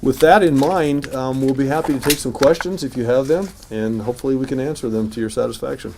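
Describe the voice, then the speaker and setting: With a medium-pitched voice, vocal fry and a fast pace, a man addresses reporters as city mayor. He gives press conference remarks and answers in a city hall news conference room, speaking loosely with fillers and restarts. Background noise is audible.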